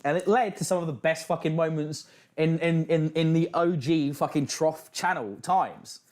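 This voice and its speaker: A man's voice: fairly high pitch, moderate pace, a little mellow. A man hosting a livestream with casual reaction commentary, speaking in a sardonic, blunt way with plenty of swearing. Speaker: livestream host.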